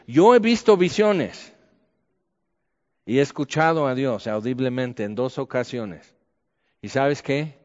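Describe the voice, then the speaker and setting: Candid Mexican preacher in an echoey hall. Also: male voice, mid-range voice. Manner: colloquial and candid, lively asides. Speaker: pastor. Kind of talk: conversational sermon. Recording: echoey hall, dull lo-fi sound.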